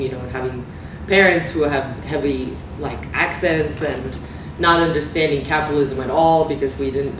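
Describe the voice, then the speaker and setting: A woman's voice: very deep voice, noisy background. Woman lecturing in an echoey hall. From Romania. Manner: conversational, many fillers and self-corrections. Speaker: guest lecturer. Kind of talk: academic lecture. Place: lecture room. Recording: echoey room from far off.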